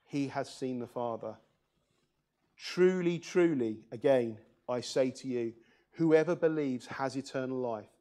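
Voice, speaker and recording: A man's voice: mid-range voice, steady tone, moderate pace, warm tone. Earnest man preaching a sermon. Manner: earnest, asks the congregation questions. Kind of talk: sermon reading scripture. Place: church.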